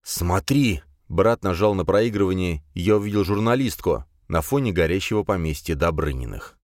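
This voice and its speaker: A man narrating a fantasy audiobook in the first person with expressive, measured storytelling. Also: low voice, no echo, clean studio sound.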